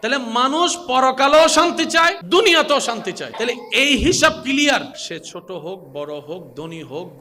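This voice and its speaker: Male preacher, high piercing voice, rises to shouts, reverb-heavy gathering. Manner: rhetorical questions, calls on the crowd to answer; swings from quiet to shouted. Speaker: Islamic preacher. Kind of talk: Bengali waz sermon.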